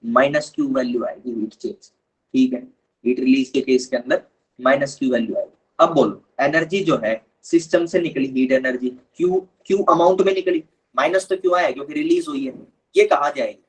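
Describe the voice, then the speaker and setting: A man's voice: mid-range voice, normal speed, slightly rough, poor audio. A man teaching a live online chemistry lesson, patiently explaining step by step and calling his students kids.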